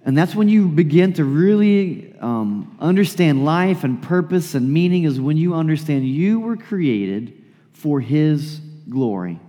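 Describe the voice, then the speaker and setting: A male pastor giving a sermon in a relaxed, chatty way with fillers and restarts, sounding tired and yawning. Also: fairly high pitch, unhurried. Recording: long hall reverb.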